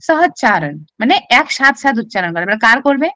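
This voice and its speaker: A woman's voice: fairly high pitch, very animated, brisk, pushed and bright, dry recording. A woman teacher with a Bengali accent explains a classical text step by step in an online exam-prep class, often asking rhetorical questions.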